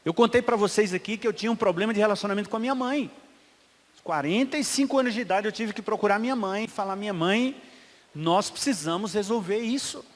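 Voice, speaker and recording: A middle-aged man preaches a sermon in a church, his voice pitched high. He swings between loud, emphatic calls and quiet, hushed asides, and the hall adds a long reverb to every phrase. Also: quick pace. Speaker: pastor.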